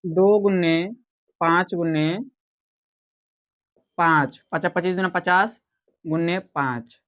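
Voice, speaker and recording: Slow-explaining Hindi maths teacher, man. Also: sits high, fairly even intonation, fairly bright tone. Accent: Bihari Hindi. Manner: slow, explanatory, asks questions and answers them himself. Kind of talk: classroom maths lecture.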